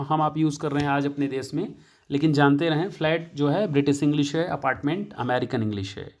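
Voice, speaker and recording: A man teaching an English lesson, explaining each point again and again, often pausing to check and correcting himself. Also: on the high side. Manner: repetitive, checks with "ठीक है" often; self-correcting, thinking aloud. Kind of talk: classroom-style lesson.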